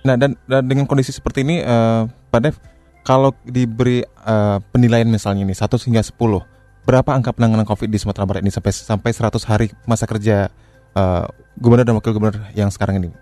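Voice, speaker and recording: Male radio interviewer, fast-talking, dry close sound, conversational questioning. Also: fairly low pitch, steady tone, warm tone, no echo, faint music behind.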